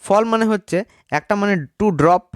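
A man's voice: high-pitched, moderate pace, smooth, dry recording, studio quality. A man teaching an English grammar lesson in a casual, explanatory way, calling his viewers friends and saying "okay" between points.

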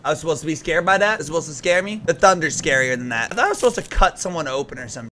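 A man's voice: fairly high pitch, animated, racing, sharp tone. Young guy streaming horror games, scared and jumpy, voice swings all over, bit of background noise. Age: young adult. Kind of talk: excitable live game commentary.

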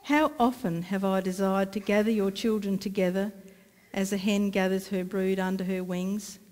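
Middle-aged aussie woman reading scripture, careful and steady, mellow voice, long church echo. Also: mid-range voice, normal speed. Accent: Australian. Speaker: scripture reader. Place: church sanctuary, indoors.

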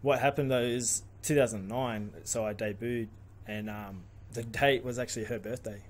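Recorded through a boom-arm studio mic in a small studio with a curtain backdrop, a man in his late twenties talks as a guest on a podcast. He is a rugby league player with an Australian accent, and his mid-range voice stays steady at a moderate pace while he reflects hesitantly, filling pauses often.

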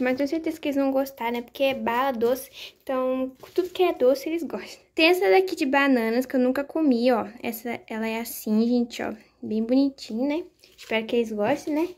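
A woman's voice: sits high, a little mellow. A woman hosting a casual vlog, chatting affectionately as the mother of her dolls while showing items to the camera. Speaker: channel host playing mother to dolls.

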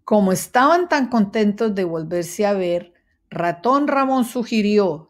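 Teacher reading to kids: woman, mid pitch, slow, deliberate. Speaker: third-grade teacher. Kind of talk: children's story read-aloud.

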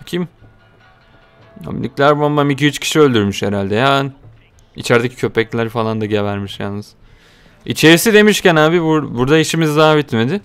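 A young man giving casual, joking gameplay commentary, talking to viewers and getting excited during the action. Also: medium pitch, fast, clear, resonant tone, soft background music. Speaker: gaming video host.

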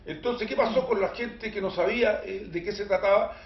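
A Chilean man hosting a casual studio talk show, an animated, emphatic storyteller who mixes in jokes. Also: high voice, brisk, roomy sound, muffled recording. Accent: Chilean Spanish. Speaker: host.

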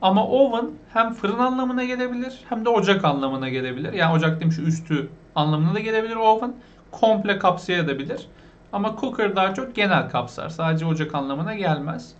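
A man with a Turkish accent teaching beginners English vocabulary, asking questions and repeating each word slowly. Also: sits high, animated, muffled recording. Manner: asks the viewers questions, repeats the words slowly.

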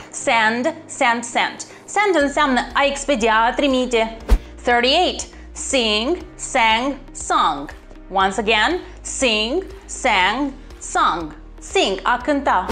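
A woman's voice: on the high side, a bit bright. Upbeat woman teaching English. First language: Romanian. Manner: upbeat, encouraging, repeats words slowly and clearly. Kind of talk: online language lesson.

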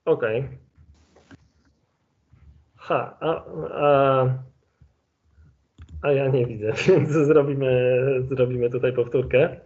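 A man giving an online lecture with slides as an ornithologist, explaining in a relaxed way and thinking aloud with fillers. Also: medium pitch, slow pace, long pauses. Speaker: ornithologist giving a webinar presentation. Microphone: video call. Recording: lo-fi video call audio.

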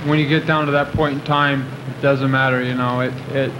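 A man's voice: mid-range voice, flat delivery, a little fast. Young man rambling at a post-game press table. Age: 20s. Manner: rambling, with many fillers and restarts. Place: press conference room. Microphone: table microphones at the podium. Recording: noisy old video recording.

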